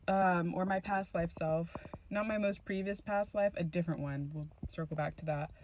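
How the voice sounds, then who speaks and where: A woman's voice: fairly low pitch, darkish tone, slight background noise. Rambling woman telling a story. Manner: rambling, full of fillers and restarts. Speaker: tarot channel host. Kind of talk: casual storytelling to camera.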